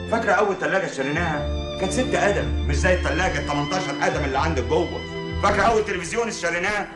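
An actor playing a flustered Egyptian doctor. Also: male voice, fairly high pitch, echoey room, lightly acted. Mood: pleading. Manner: rushed, exasperated, then pleading. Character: flustered married male doctor, middle-aged. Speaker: stage actor. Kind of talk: stage comedy acting.

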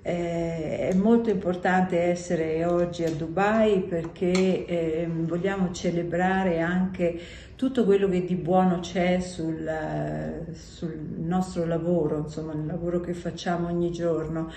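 A middle-aged woman, a company president, speaking in a recorded video message with a measured, unhurried delivery and some hesitations. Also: on the low side, fairly even intonation, dark tone. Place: indoor office or room. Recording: echoey room, faint background noise.

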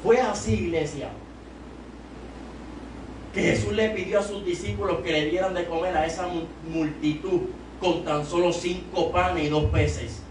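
Speaking a little slowly in a high, steady voice, this young evangelist carries a Puerto Rican Spanish accent and comes from Puerto Rico. He exhorts a youth service from a small sanctuary's pulpit with a handheld mic, swelling to loud, emphatic peaks. The recording, made by a far camera, is echoey and noisy.

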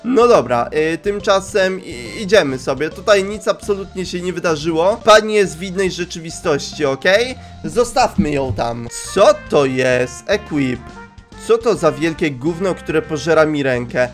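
A young man giving comic commentary while playing a game, excitable and squealing high when surprised. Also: moderate pace, soft background music. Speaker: gaming youtuber. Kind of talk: comic let's play commentary.

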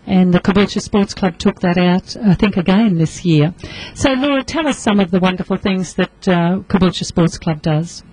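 A woman's voice: on the low side, moderate pace, darkish tone, husky, low-quality recording. A woman hosting a casual radio interview, chatty and laughing often. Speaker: radio host. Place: radio studio. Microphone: studio microphone.

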